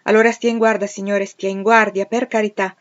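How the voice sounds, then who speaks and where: A woman's voice: mid-range voice, little pitch movement, brisk, muffled recording, lightly acted. A woman reading the lines of an anxious, cautious female servant who gives urgent warnings.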